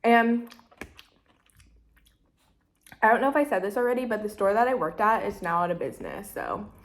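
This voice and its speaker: A woman's voice: mid-range voice, sing-song, normal speed. A young woman in her twenties chats on and on while she eats, full of "like" and "literally." Her talk is loose and meandering, and now and then she speaks around a mouthful of food. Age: 20s. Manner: chatty, rambling, heavy use of "like" and "literally". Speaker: vlogger. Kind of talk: casual mukbang chat.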